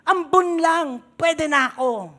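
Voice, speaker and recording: A woman's voice: high voice, slow pace, pushed and bright, full character voice. A woman acting out a begging Filipino mother. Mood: pleading. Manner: begging, humble. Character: desperate pleading Gentile mother.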